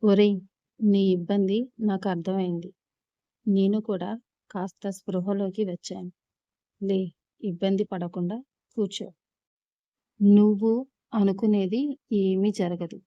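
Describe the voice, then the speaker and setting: A woman storyteller voicing a pleading older sister who speaks in a coaxing, hushed way, on a dull lo-fi recording. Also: medium pitch, flat delivery, unhurried, pauses often, no room sound, natural voice.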